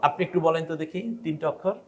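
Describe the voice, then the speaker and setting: A man's voice: on the high side, level tone, very fast, a crowd in the background. A man from Bangladesh teaching Quran pronunciation to a class, asking the students questions and demonstrating how each letter should sound.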